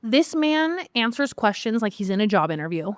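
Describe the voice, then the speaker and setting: A woman co-hosting a podcast, chatting casually and giving opinionated, animated takes. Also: on the high side, moderate pace, no room sound, studio quality. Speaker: podcast co-host. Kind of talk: casual chat.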